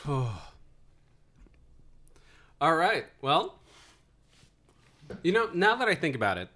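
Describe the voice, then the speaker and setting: A man's voice: fairly high pitch, sing-song, slow pace, sharp tone. A man streaming a video game, reacting with wry jokes and frequent laughter. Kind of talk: casual game stream commentary.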